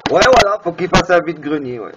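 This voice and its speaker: Over a muffled, very noisy FM radio chat, a man trades teasing, crude banter with other amateur radio operators. He talks fast, with a voice on the high side and lively intonation. He is a ham operator and a video maker.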